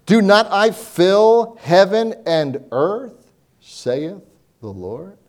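A man preaching a sermon, telling Bible stories with animated voices and reading scripture slowly. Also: high-pitched. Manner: animated storytelling, acts out Bible characters; slows down to read scripture.

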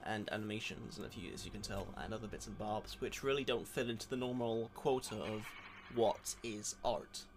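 A young man hosting a conversational podcast interview, speaking in an earnest, wordy and halting way. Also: fairly low pitch, steady tone. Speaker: podcast host and animator. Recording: clearly noisy background.

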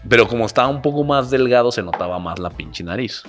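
A man's voice: medium pitch, expressive, fast, a bit bright, soft background music. A young man with a Mexican Spanish accent, in casual chat, teasing and full of slang. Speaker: podcast co-host.

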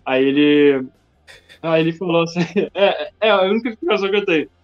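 A man from Brazil tells a story fast, his voice sitting a little high and stuffed with slang fillers. The sound is dull and lo-fi, with faint music under it. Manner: slangy, peppers speech with "mano" and "tá ligado". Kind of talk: casual chat.

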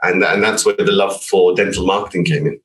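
A man's voice: sits low, brisk, far from the mic, poor audio. Man telling a story, set back from the mic. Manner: animated, acts out quoted voices. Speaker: guest. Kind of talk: casual storytelling.

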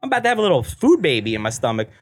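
A man's voice: fairly high pitch, racing, no echo, studio quality. A man chatting on a podcast with friends, his voice swinging widely up and down. He talks loosely, full of slang, swearing and calls of bro. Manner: animated, swears a lot, says bro often. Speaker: podcast co-host. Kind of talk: casual chat.

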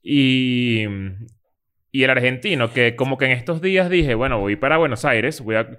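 A man's voice: medium pitch, normal speed, a bit bright. A man co-hosting a podcast, talking casually and rambling as he searches for words. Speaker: podcast co-host. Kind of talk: casual chat.

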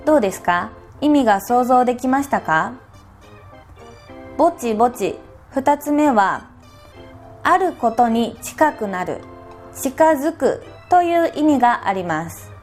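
A woman teaching a language lesson in a gentle, encouraging way, acting out short example dialogues. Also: on the high side, lively intonation, measured pace, soft background music. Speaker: Japanese teacher. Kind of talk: scripted podcast lesson.

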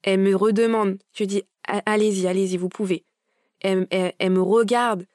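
A woman's voice: mid-range voice, fairly quick, dry recording, studio quality. A young adult woman telling her birth story casually, acting out the dialogue with emotion. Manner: animated, acts out quoted dialogue. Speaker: podcast guest.

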